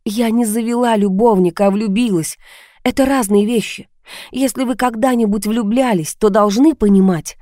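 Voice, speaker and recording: A woman's voice: fairly high pitch, moderate pace, mellow, dry recording, pitched above the performer's own voice, close to an everyday voice. A frightened young woman pleads and argues in a strained, tense voice, as a woman reads her lines in an audiobook. The recording is close and dry, with no room sound. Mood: pleading. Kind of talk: audiobook reading.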